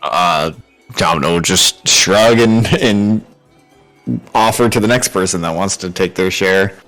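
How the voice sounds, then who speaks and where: A man's voice: sits low, measured pace, fairly bright tone, soft background music. A man chatting casually as a player in a tabletop role-playing game.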